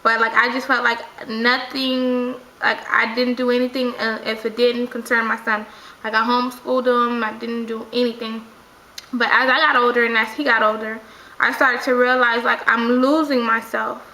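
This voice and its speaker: A woman in her twenties vlogs her opinions to camera in a high-leaning, flat, bright and forceful voice at a moderate pace. She rambles with frequent self-corrections and "like" fillers, and the poor audio echoes.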